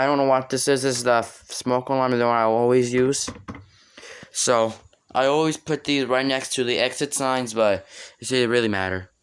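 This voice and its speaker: A man talks informally through a hands-on demonstration. His voice is clear and smooth, sitting at a middle pitch. The delivery is casual and unscripted. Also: a bit bright. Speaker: hobbyist demonstrator.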